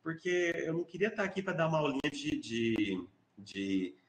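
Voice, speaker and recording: A man's voice: on the high side, normal speed. A man with a Brazilian accent, an English teacher talking in an online seminar, hesitant with many fillers and restarts, livelier when quoting his students. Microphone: video call. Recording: roomy echo on a video call.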